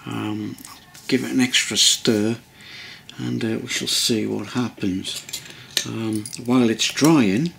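A man's voice: medium pitch, takes it slowly, creaky, fairly bright tone, slight background noise. A man casually narrating a model-building tutorial at his workbench, rambling and hesitant with many ums and restarts. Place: hobby workbench indoors.

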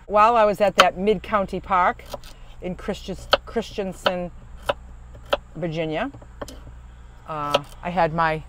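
Man, van-life vlogger, higher register, loose rambling delivery with fillers; faint vehicle noise behind. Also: steady tone, takes it slowly, long pauses. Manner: rambling, chatty, many fillers and restarts. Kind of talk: casual chat to camera. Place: parked van at a rest stop.

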